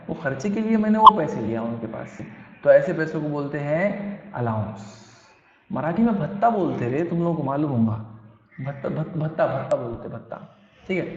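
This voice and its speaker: A man who teaches salary basics in a chatty way, using everyday examples. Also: a little high. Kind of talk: explaining a salary lesson in casual speech. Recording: echoey room, dull lo-fi sound.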